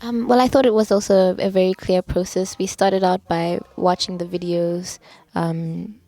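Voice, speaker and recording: A woman speaks in a low, mellow voice with little rise and fall, reflecting thoughtfully on an experience she shared with a group. Her talk is measured, with the odd filler as she gathers her thoughts, and the sound is close and dry. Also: level tone, dry recording. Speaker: program fellow. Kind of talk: reflective interview answer.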